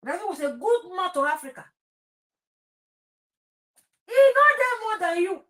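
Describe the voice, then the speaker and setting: A female talk show host with a Nigerian accent has a very high, sing-song, fairly bright voice at a moderate pace. In passionate, informal political talk, she states her opinions emphatically, repeating phrases and moving into Pidgin.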